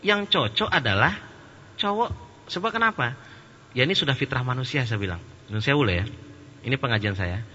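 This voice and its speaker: Bright-voiced male preacher in an echoey hall. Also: mid-range voice, a little fast, long pauses, a little hiss or hum. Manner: conversational, joking, grows loud and animated. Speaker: Islamic preacher. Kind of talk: religious study lecture. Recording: dull, with a long echo in a hall.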